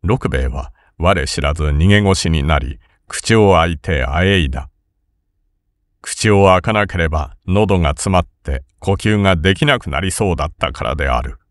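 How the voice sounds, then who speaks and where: Male audiobook narrator; low, animated delivery; dry studio read. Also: no echo. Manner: measured, expressive storytelling. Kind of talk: scripted literary narration.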